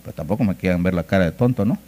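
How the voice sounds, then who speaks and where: A male pastor, preaching a sermon in a folksy, joking storytelling way, swinging between loud bursts and hushed asides. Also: low voice, very fast.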